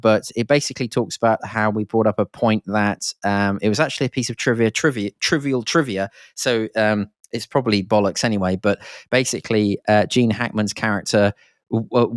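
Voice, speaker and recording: A man's voice: lowish voice, dry recording, studio quality. A man hosting a podcast, rambling and enthusiastic, with lots of fillers and restarts. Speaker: podcast host. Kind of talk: casual podcast monologue.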